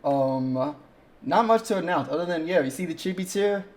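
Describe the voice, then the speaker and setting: A man's voice: on the high side, lively intonation, moderate pace, a little mellow. A man running a tabletop game who chats casually and swears easily. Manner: laid-back, swears casually. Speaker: game master. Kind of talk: casual livestream chat.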